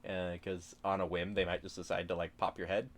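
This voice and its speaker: A man's voice: deep voice, level tone, a little fast. A man acting as game master, improvising tabletop narration in a casual, hesitant, explanatory way.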